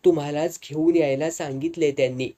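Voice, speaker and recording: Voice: medium pitch, fairly even intonation, brisk, dark tone, natural voice. A narrator doing a coarse, gossiping village driver. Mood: insistent. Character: rustic, gossiping male driver.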